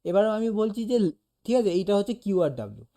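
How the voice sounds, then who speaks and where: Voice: mid-range voice, sing-song, fast, warm tone. A teacher giving a casual one-on-one lesson, explaining patiently, saying sounds aloud to demonstrate and often checking in with "okay?". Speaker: animation teacher.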